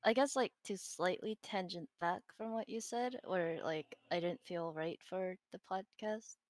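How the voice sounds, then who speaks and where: Speaking on the low side and without rushing, the podcast guest, a digital artist, comes across as unsure of herself, laughing softly and saying "like" often. The recording is dry, and the conversation has a relaxed interview feel.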